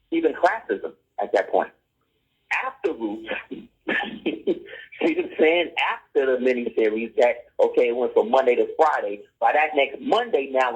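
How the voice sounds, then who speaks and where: A man's voice: mid-range voice, a little mellow, breathy edge. A middle-aged man, a podcast guest, lecturing in a conversational way, pressing his points and often checking whether the listener follows. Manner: insistent, keeps asking "you see what I'm saying?". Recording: dull lo-fi audio.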